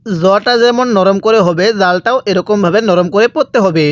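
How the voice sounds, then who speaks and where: A man's voice: high voice, moderate pace, dry recording. Patient man teaching letter sounds, dry. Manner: patient, repeats each letter and asks the viewer back. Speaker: Quran reading teacher. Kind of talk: step-by-step recitation lesson.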